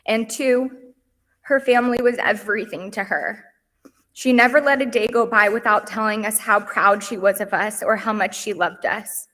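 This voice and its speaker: A young woman reading a heartfelt eulogy at a memorial service, earnest and tender. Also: mid-range voice. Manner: earnest and heartfelt, softening on lists. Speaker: eulogy speaker. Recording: livestream in a reverberant hall.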